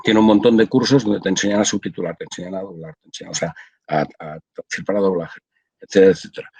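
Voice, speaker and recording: A man's voice: deep voice, steady tone, fast, vocal fry, a little mellow, breathy edge, no echo, poor audio. An older man from Spain, a translator, explaining his work at length in a casual video-call interview, with many restarts. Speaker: audiovisual translator, interview guest.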